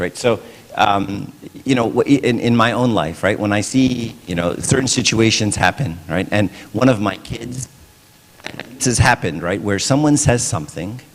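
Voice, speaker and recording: Man, low voice, casual conversational sermon, lots of "right?", long church reverb. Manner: casual, keeps asking "right?". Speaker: preacher.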